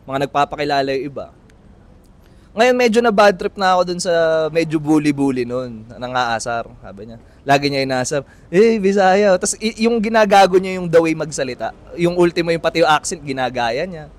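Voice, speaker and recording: A man with a fairly high voice tells a personal story on a podcast, lively and animated, full of fillers and quick restarts. He sounds like a host chatting casually with friends outdoors on a street.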